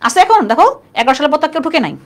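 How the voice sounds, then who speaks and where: Quick, lively young woman tutoring. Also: sits high. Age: young adult. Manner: chatty, quizzing students with "clear?". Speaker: admission test tutor. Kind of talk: live online class lecture.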